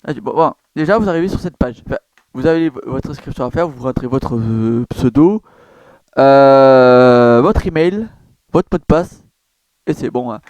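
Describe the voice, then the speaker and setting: A man's voice: mid-range voice, expressive, normal speed, a little mellow, no echo. Man, chatty screen-recording walkthrough, lots of fillers, dry close sound. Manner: rambling, chatty, many fillers and self-corrections. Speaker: gaming YouTuber.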